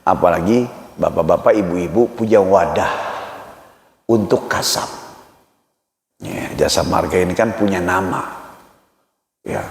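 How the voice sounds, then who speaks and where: A man's voice: low voice, measured pace, long pauses. Preacher guy, jokey chatty sermon, big echoey hall. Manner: jokey and conversational, acts out dialogues. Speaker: ustaz preacher. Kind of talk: humorous mosque sermon. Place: mosque hall.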